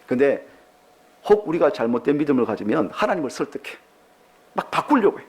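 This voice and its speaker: A man's voice: fairly high pitch, big pitch swings, fairly quick, a little mellow, husky. A man preaching a sermon as pastor, posing many rhetorical questions to the congregation.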